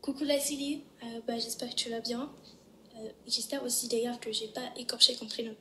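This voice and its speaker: A man's voice: very high-pitched, steady tone, a little fast, sharp tone, slight background noise, voice pushed up. A man's recorded voice message converted by AI into a young woman's voice, casual and hesitant. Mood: casual friendly. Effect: AI voice conversion to a female voice.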